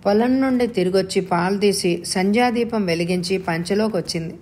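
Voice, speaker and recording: Woman reading a story aloud, steady. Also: mid-range voice, brisk, slight background noise. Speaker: story reader.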